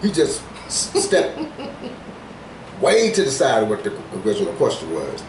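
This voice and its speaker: A man co-hosting a podcast in casual chat, telling a story in a calm, measured way. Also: mid-range voice, echoey room, distant mic, noisy background. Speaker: podcast co-host.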